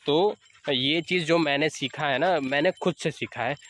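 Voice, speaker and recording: Young male vlogger, outdoors, phone-cam dog-training chat, slightly high voice, light background noise. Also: normal speed. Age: young adult. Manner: chatty, explains then calls loudly to his dog. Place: outdoors on an evening walk by fields.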